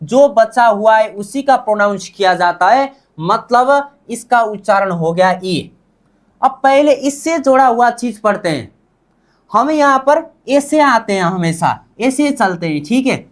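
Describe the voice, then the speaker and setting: Man, language teacher, slow deliberate delivery, repeats each word, quizzes and answers himself. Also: sits high, lively intonation. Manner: drills by repetition, asks and answers own questions. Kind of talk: classroom lesson.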